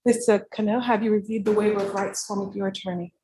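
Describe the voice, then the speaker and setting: A woman of middle pitch reads out oaths and plea questions in a formal, scripted way as the court clerk. A faint noise sits under her voice. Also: flat delivery, quick pace, warm tone.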